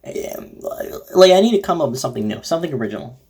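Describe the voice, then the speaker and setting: A woman's voice: a bass voice, very animated, quick pace, darkish tone, husky. A woman giving casual reaction commentary, rambling and self-mocking with running jokes. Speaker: reaction video host.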